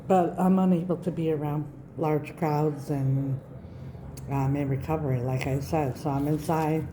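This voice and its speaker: A woman with a low-pitched voice reads cards for her online viewers in an earnest, reassuring way. Her consonants are a little slushy and slurred. The room echoes around her, and there is clear noise behind the voice. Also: fairly even intonation, unhurried. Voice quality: slightly slurred, slushy speech after mouth surgery. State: recovering from mouth surgery, speech slightly off. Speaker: tarot reader, channel host. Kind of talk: spiritual card reading to online viewers. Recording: roomy echo, background noise.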